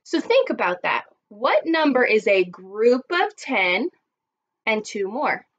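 A woman in her thirties leads a lesson for young children in the manner of a kids show host. Her voice is fairly high and her delivery very slow, with prompts to join in. The sound is slightly dull, as from a webcam in a small room. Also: sing-song. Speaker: elementary school teacher.

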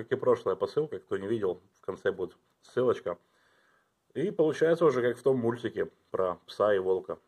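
Low-voiced chatty man. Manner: chatty, thinks aloud, drops to quiet mutters while handling items. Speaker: collector reviewing his items. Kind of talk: casual unboxing vlog.

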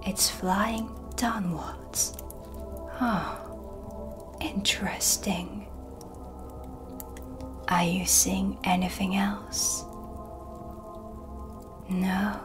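A woman playing a calm, mysterious dark witch with dry, teasing menace, in a hushed, close-miked ASMR roleplay. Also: mid-range voice, over music. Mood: mysterious, guiding. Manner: slow, deliberate, hushed, dryly teasing. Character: dark witch, female, mysterious, sardonic, calm teacher of shadow magic. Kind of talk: soft-spoken whispered ASMR roleplay. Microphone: close studio mic for ASMR.

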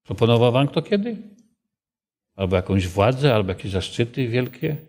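A man's voice: mid-range voice, very animated, moderate pace, darkish tone. A man leading a group Bible study, asking the others questions and telling a story from his own life. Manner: conversational, asks the group questions, tells personal stories.

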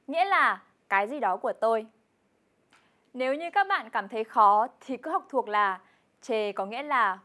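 A young woman with a slightly higher voice leads a scripted television language lesson. She explains each grammar point patiently and repeats every example word clearly. Her delivery stays steady and measured. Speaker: Korean language teacher co-host.

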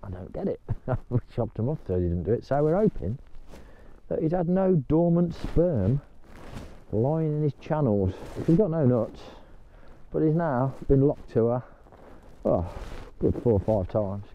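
A man's voice: mid-range voice, expressive, moderate pace, muffled recording, a little hiss or hum. An older man chatting casually to camera while kayaking on a canal, talking to his dog now and then. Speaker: vlogger. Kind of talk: casual vlog chat.

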